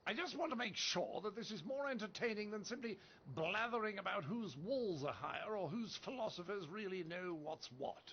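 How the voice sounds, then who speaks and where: A man's voice: sits high, lively intonation, normal speed, slight background noise. A man voicing a boastful foreign debater who mocks his hosts in a pompous, theatrical way. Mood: mocking. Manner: pompous, taunting, sing-song delivery. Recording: dull lo-fi game audio.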